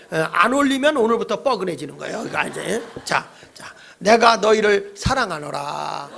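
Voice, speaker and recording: Gravelly high-voiced man preaching. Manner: lively, playful preaching that leads the congregation in call-and-response. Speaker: pastor. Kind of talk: sermon. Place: church sanctuary.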